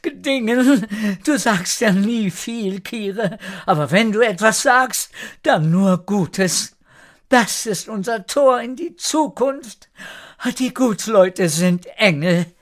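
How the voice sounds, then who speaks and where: A man reading an audiobook, voicing a crying mother who calls out in a high, emotional voice. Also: lively intonation, slow. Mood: tearful. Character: tearful mother, emotional and raised. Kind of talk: audiobook character voice.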